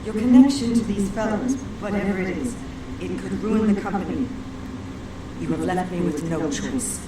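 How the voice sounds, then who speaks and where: A woman's voice: medium pitch, normal speed, background noise, natural voice. Woman playing stern, echoing company chairwoman. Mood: stern, reproving. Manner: formal, reproving. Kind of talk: video game voice acting. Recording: distant, very echoey game audio.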